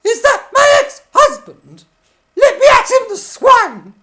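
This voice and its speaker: The interviewer voicing an indignant, haughty female puppet wife with a shrill voice in a comic mock interview. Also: big pitch swings, slow pace, a little mellow, husky, full character voice. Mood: furious.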